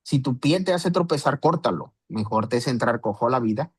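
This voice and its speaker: Male Bible teacher, mid-pitched, casual explanatory delivery. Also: animated, brisk, slightly rough. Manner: conversational, with rhetorical questions and restarts. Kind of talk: Bible study talk.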